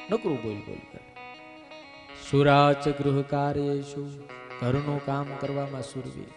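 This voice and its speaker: A man's voice: mid-range voice, dark tone. A man giving a religious discourse who chants Sanskrit verses, explains them and acts out the characters in the story. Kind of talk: Gujarati scripture discourse. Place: large outdoor gathering.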